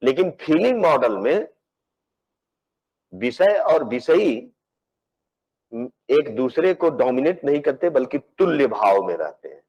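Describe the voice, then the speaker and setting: A man, a philosophy professor, giving a measured academic lecture. He explains step by step, often repeating words as he searches for phrasing, and mixes English technical terms into his speech. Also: medium pitch, very animated, a little mellow, husky, dull audio.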